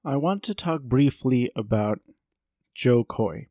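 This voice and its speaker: A man's voice: medium pitch, lively intonation, takes it slowly, dark tone, no room sound, clean studio sound. Rambling, profane man in his thirties. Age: 30s. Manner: rambling, profane, self-mocking. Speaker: podcast host. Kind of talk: comedic solo podcast monologue. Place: home office.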